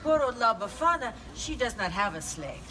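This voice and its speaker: Woman playing La Befana, a high-voiced Italian witch. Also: sing-song, normal speed, bright, forceful tone, far from the mic, slight background noise, rough recording. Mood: playful coaxing. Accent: Italian (put on). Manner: theatrical, coaxing, asks the audience questions. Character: kindly old Italian witch, the gift giver. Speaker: storyteller for children. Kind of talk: live in-character storytelling.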